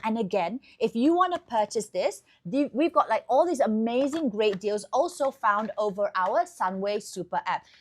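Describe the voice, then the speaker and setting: A woman with a Malaysian accent hosts an upbeat promotional tour of a hotel room indoors. Her slightly high voice is expressive, at a normal speed with few pauses. She delivers a chatty, upbeat sales patter.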